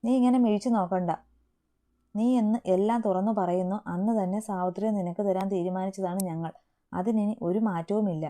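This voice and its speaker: A woman's voice: medium pitch, fairly even intonation, moderate pace, warm tone, close to an everyday voice. A woman voicing a hurt but loyal young man who reproaches his friend in an earnest storytelling voice. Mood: teasing.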